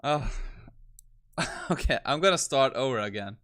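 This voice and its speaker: During a casual live stream, a man testing a voice assistant speaks in an animated, medium-pitched, slightly bright voice at a moderate pace. The tech host comes across amused yet exasperated, tossing in laughing asides.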